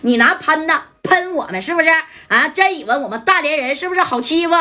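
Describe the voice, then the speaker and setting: A woman's voice: sits high, animated, fast talker, pushed and bright, voice pushed up. A woman voicing a fearless, hot-tempered young male brawler who curses defiantly. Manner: defiant, cursing.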